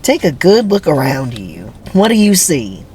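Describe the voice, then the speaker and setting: Here a man reads a dramatic script as a menacing, stern prison camp boss in his forties, drawing out his taunting commands with swoops. His voice is a little high, with wildly swooping pitch and a darkish tone, and noise sits in the background.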